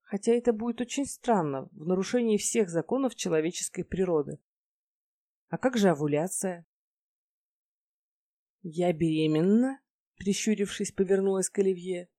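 A woman narrating a first-person fantasy romance audiobook in a wry, lively storytelling manner. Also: medium pitch, brisk, dry recording.

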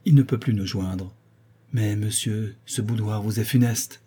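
Man reading a sly young maid, hushed and hurried, dark husky voice, audiobook. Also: lowish voice.

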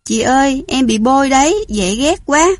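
A woman's voice: high-pitched, expressive, normal speed. A woman doing a cutesy little toy doll. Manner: cutesy, whiny. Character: small roly-poly toy doll, sweet and cute.

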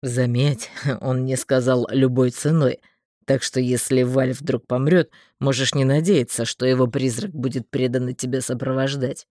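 A man's voice: medium pitch, normal speed, no room sound, studio quality, natural voice. A man voicing a good-natured, blunt male companion in an audiobook, talking in a hearty, plain way.

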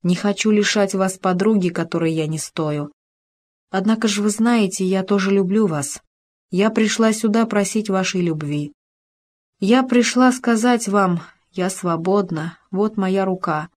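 A woman's voice: mid-range voice, a little mellow, close to an everyday voice. A woman voicing a proud young noblewoman in an audiobook, reading her lines in an earnest, reproachful manner.

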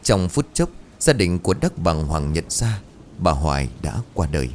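A man with a very low voice narrates a scripted ghost story, building suspense line by line. His pitch swings widely as he tells it. Faint ambient sound sits behind him. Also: very animated, normal speed, a little hiss or hum. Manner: dramatic, suspenseful telling.

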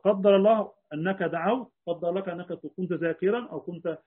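A man's voice: high-pitched, husky. A man with an Egyptian Arabic accent teaching a creed lesson as a religious teacher, explaining with rhetorical questions. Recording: tinny phone-like lo-fi recording.

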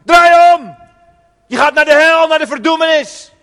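A man voicing a fiery hellfire street preacher who shouts condemnation. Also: very high voice, moderate pace, long reverb tail, pitched above the performer's own voice. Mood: condemning.

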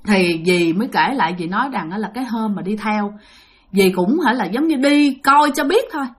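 A woman's voice: medium pitch, expressive, normal speed, slightly rough. A woman telling a ghost story in a rambling, filler-heavy way, speaking directly to her listeners. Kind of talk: spoken ghost story narration.

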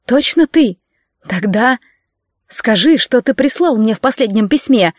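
A woman's voice: a little high, animated, unhurried, no echo, clean studio sound. Woman playing an earnest young bride-to-be.

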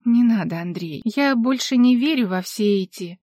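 An overwrought young woman pleads in a high, strained voice, close to tears, as a woman reads her. Her words come urgent and shaky. The sound is dry and close. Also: lively intonation, moderate pace, a little mellow, no room sound, lightly acted. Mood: agitated.

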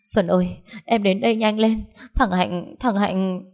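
A woman voicing a furious, hot-tempered peasant woman who shouts threats. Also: mid-range voice, expressive, a little fast, close to an everyday voice. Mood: panicked.

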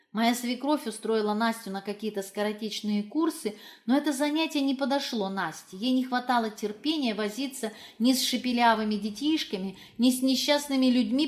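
A woman's voice: on the high side, lightly acted. A woman reading the part of an educated young woman who confides in a friend in a wry, self-mocking way, for an audiobook.

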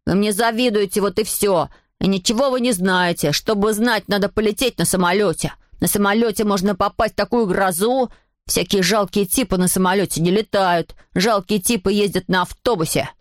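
A woman reading aloud voices a hot-tempered schoolboy who brags and shouts. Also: mid-range voice, moderate pace, dry recording, studio quality, natural voice. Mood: boastful. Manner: shouting, bragging.

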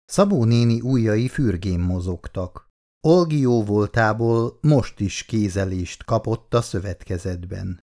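Expressive male reader narrating a novel. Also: on the low side. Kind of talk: reading a novel aloud.

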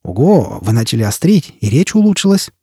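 A man's voice: medium pitch, very animated, fairly quick, warm tone, slightly rough, no echo. A male reader voicing a dry, probing male security chief in an audiobook. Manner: dry, probing, then agitated. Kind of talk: audiobook character reading.

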